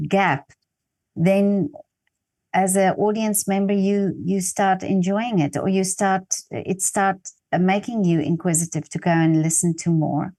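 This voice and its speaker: A native Afrikaans-speaking woman with a South African Afrikaans accent, chatting as an interviewer and haltingly searching for her words. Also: mid-range voice, warm tone. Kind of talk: casual conversational interview.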